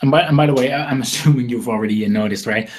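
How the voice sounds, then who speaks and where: Racing along at medium pitch, over a little hiss or hum, a man from the Netherlands with a Dutch accent hosts a casual live webinar. He is selling marketing software in a rambling, repetitive, self-deprecating manner.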